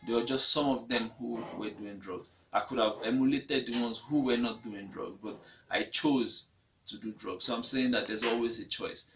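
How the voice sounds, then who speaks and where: A medium-pitched male voice with fairly even intonation and normal speed comes through with a little hiss or hum. The speaker, a young Nigerian man with a Nigerian accent, reflectively tells his life story in an interview, often repeating himself, as personal testimony on a dull lo-fi recording.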